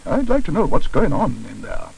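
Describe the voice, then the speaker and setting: A man putting on a high, bossy storybook woman. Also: wildly swooping pitch, normal speed, creaky, breathy edge, exaggerated voice, rough recording. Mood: indignant. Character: brisk, bossy, sharp-tongued woman. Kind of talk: children's storybook character voice.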